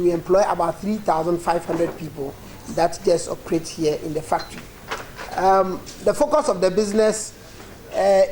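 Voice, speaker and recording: A speaker explaining a factory's history to visitors on a tour, measured and pausing on ums. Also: medium pitch, darkish tone, slight background noise, poor audio. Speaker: factory representative.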